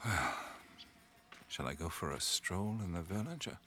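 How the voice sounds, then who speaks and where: A man's voice: sits low, animated, takes it slowly, bright, forceful tone, heavily acted. An actor playing an earnest, baffled, good-natured man in an audio drama, speaking casually and a little hesitantly. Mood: gentle, thoughtful.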